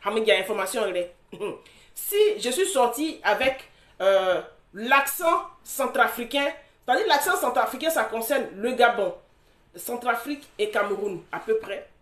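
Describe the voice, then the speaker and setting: A woman's voice: on the high side, sing-song, a little slow, reverberant. A woman arguing heatedly in a live online dispute, confronting the other speaker with repeated accusations and mocking laughs. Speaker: social media commentator.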